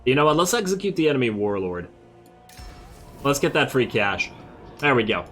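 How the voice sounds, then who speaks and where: Man, mid-range pitch, casual let's play host, thinks aloud, laid-back asides, game music behind. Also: sing-song, moderate pace, fairly bright tone. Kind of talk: casual strategy game commentary.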